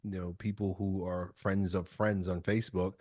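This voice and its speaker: A middle-aged man talking as a podcast guest, blunt and animated, with loose, casual swearing. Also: sits low, moderate pace, no room sound, studio quality. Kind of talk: casual interview chat.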